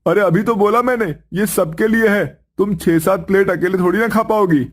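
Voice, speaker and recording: A shrill, loud young husband in a cartoon story, put on by a man, pitched well above a normal male voice. He nags and fusses with strained, raised force. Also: moderate pace. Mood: eager. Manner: high, loud, nagging. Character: young husband, scolding and fussy.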